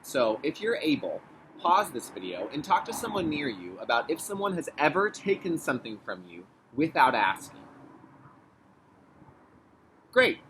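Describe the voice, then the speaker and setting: A male kindergarten teacher with a fairly high voice leads a read-aloud lesson at normal speed, reading the story expressively and emphatically. He explains things in clear, simple instructional phrases with check-in questions, and the rough recording has some hiss or hum.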